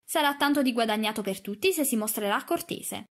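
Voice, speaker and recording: A woman reading an audiobook, voicing a blunt, sharp-tongued housemaid who speaks firm and chiding. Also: a little high, expressive, fairly quick.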